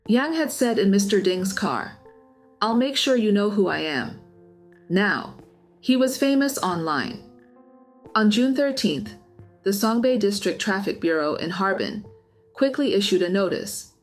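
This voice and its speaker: A woman's voice: mid-range voice, lively intonation, unhurried. Scripted female narrator over music.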